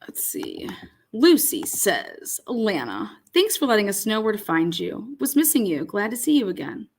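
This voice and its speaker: A woman's voice: medium pitch, big pitch swings, moderate pace, creaky. A woman co-hosting a casual livestream, reading viewer comments aloud, laughing often and swearing casually. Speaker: livestream co-host.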